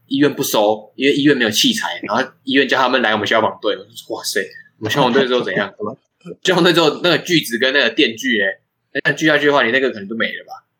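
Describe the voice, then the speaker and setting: A man's voice: medium pitch, pushed and bright, rough recording. A young man with a Taiwanese Mandarin accent, hosting a podcast and telling a rambling story with frequent laughs. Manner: fast, rambling, laughs often. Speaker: podcast host. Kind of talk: casual storytelling chat.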